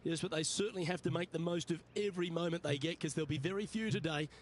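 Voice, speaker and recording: A man delivering scripted play-by-play golf commentary for a video game in a brisk, upbeat manner. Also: on the high side, slight background noise. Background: game music.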